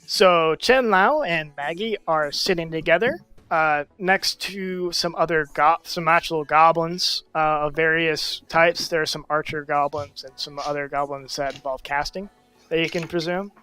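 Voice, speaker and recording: Bright, clear-voiced man running a tabletop game. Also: on the high side. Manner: loose, rambling, halting narration. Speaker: game master. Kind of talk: narrating a tabletop game over voice chat. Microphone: voice chat mic.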